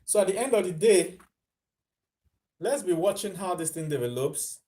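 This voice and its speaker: A Nigerian vlogger gives casual, chatty commentary in a high, expressive, mellow voice at normal speed. He slips into Pidgin and laughs at his own lines.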